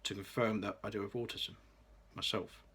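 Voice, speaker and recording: His tone stays level as he speaks at normal speed: a low, bright, slightly breathy voice belonging to a late-20s man from Birmingham, England. He delivers a scripted personal vlog in a careful, read-aloud style, sometimes starting lines over.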